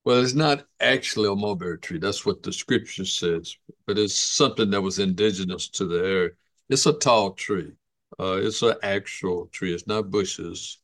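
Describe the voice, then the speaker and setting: Deep-voiced pastor leading Bible study. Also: male voice, moderate pace, a bit bright, no room sound. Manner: easygoing, invites the group to speak. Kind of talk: church Bible study teaching.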